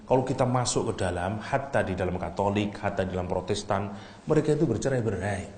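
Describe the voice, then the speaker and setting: Male preacher, lowish voice, teasing lecture with arabic verses, echoey room. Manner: lively, teasing, with Arabic recitation. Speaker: Islamic preacher. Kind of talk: religious lecture. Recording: echoey hall, faint room noise.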